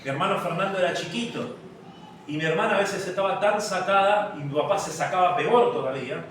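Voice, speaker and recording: A man's voice: high-pitched, noisy background. Echoey Rioplatense preacher telling his story. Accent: Rioplatense Spanish. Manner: storytelling, halting restarts. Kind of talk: sermon with personal testimony. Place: large church hall. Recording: very echoey hall, distant mic.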